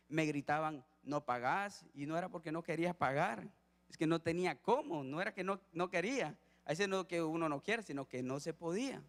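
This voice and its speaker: Deacon preaching in a reverberant hall. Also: male voice, on the high side. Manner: conversational, acts out dialogue with his son. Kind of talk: sermon with personal story. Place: church hall. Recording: long church hall reverb.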